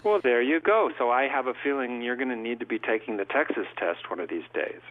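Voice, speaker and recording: A middle-aged court reporter from California, appearing as an interview guest, gives long, thoughtful answers full of stories in a conversational style. His mid-range voice is expressive and fairly quick. The line sounds tinny, like a phone.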